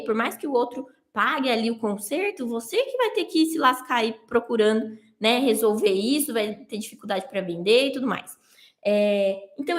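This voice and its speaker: A woman's voice: fairly high pitch, a bit bright, roomy sound. A woman coaching her listeners through steps one at a time, asking questions and answering them herself with everyday examples. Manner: explains step by step with everyday examples; addresses listeners directly, asks and answers own questions. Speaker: marriage coach. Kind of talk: live-streamed coaching lesson.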